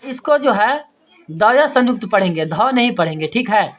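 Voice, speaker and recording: A woman teacher explaining word meanings and spelling out words slowly, syllable by syllable, with frequent checking questions. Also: a little high, animated. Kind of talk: classroom lesson.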